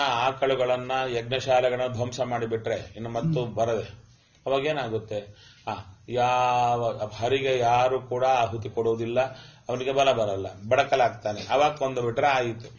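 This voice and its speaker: A middle-aged man giving a spiritual discourse, chanting verses and asking and answering his own questions as he tells a story. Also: medium pitch. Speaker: religious discourse speaker. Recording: dull lo-fi recording.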